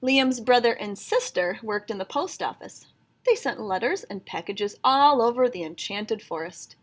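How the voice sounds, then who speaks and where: In a lively storytelling manner, a woman reads aloud from a children's picture book, her pitch fairly high and her speed moderate.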